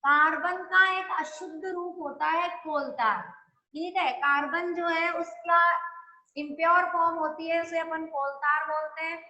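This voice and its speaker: A woman's voice: very high voice, steady tone, unhurried, bright, forceful tone. A woman teaching a chemistry lesson, explaining step by step and often checking that the class follows. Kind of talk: classroom lecture. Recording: echoey room.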